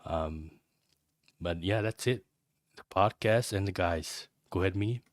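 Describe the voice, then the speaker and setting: A man's voice: low voice, unhurried, no room sound, clean studio sound. A man from American Samoa in his thirties, a podcast cohost and veteran, talking in a plain, matter-of-fact way in a casual interview.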